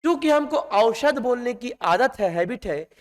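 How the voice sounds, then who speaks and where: A man's voice: very high voice, animated, unhurried. A man teaching a class in a classroom, stretching out the words he stresses and calling his students "beta". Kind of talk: classroom lecture. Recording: long hall reverb.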